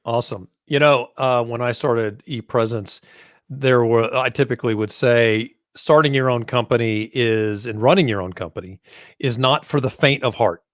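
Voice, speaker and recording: A man's voice: medium pitch, normal speed, dry recording, clean studio sound. A man hosting a casual interview podcast, chatty and jokey, with a self-deprecating streak. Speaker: host.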